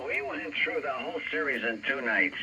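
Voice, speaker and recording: An older American man chats casually over shortwave amateur radio, spinning rambling anecdotes in a bright, forceful mid-range voice at a moderate pace. The recording is muffled, with very noisy reception and heavy static.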